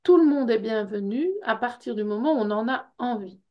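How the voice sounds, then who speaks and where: A woman's voice: a little high, brisk, lo-fi sound. A middle-aged woman, a psychotherapist, talking casually and reassuringly at an information evening, with many small fillers. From France. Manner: warm reassuring, many fillers like hein and euh. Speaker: psychotherapist and workshop leader. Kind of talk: casual info session talk.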